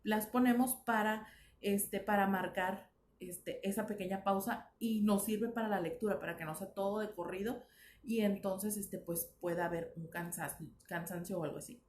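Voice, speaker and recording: A woman's voice: medium pitch, fairly even intonation, normal speed, a little mellow, echoey room, slight background noise. A woman with a Mexican accent teaching a recorded video lesson, explaining patiently and often checking that her students follow. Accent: Mexican Spanish.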